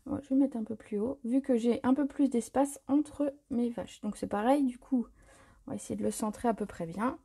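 A woman demonstrating a paper craft technique in a live tutorial, chatty and relaxed, often correcting herself and laughing at her slips. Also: a little high, moderate pace, vocal fry, breathy edge.

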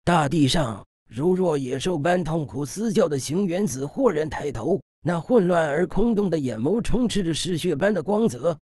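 A man narrating a fantasy audiobook in a steady, dramatic storytelling manner, recorded in a studio. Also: on the high side, normal speed, few pauses, a little hiss or hum.

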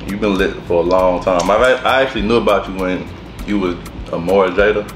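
Man, low voice, laid-back, casual dinner talk, roomy echo. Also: steady tone, brisk. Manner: laid-back, laughs often. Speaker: host. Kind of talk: casual mukbang chat. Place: room at a dinner table. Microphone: camera across the table. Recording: echoey room with music.

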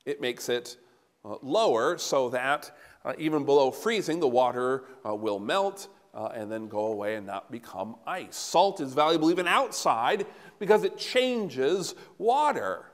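A middle-aged man preaching a sermon as pastor, animated and moving about before the altar, recorded from a distance in a large church sanctuary. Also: medium pitch, a little slow. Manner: animated, gesturing, walking about while preaching. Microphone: no handheld mic, recorded from a far camera. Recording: long church reverb.

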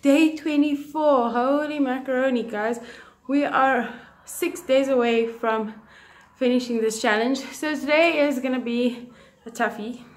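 A woman's voice: high-pitched, fairly even intonation, a little slow. A young woman chatting casually to viewers as a fitness vlogger, recorded on a phone at home. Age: young adult. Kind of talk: casual vlog talk to viewers. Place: home living room with tiled floor. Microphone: phone at arm's length. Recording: echoey room.

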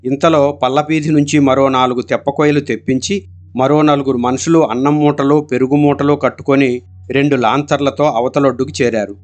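A man narrating a storybook audiobook in a steady, expressive storytelling manner. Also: mid-range voice, fairly quick.

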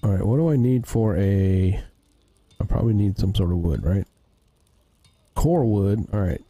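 A man's voice: fairly low pitch, expressive, moderate pace, warm tone, breathy edge, no room sound, faint music behind. A man hosting a casual gaming livestream, thinking aloud as he fiddles with his audio settings. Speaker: streamer host.

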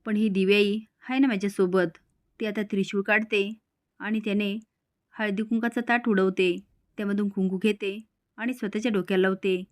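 A woman's voice: mid-range voice, no room sound. Woman narrating a serial recap. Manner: reads every character's lines in her own voice. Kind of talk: storytelling recap with quoted dialogue.

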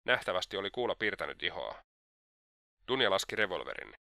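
A man narrating an audiobook in a steady, measured reading. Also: low voice, creaky, dry recording, clean studio sound. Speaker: audiobook reader.

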